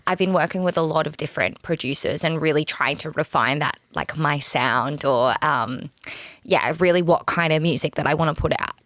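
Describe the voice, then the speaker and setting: A woman's voice: low-pitched, moderate pace, a bit bright, dry recording. A young woman, a musician guest on a podcast, chatting casually and bubbly, laughing often. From Australia.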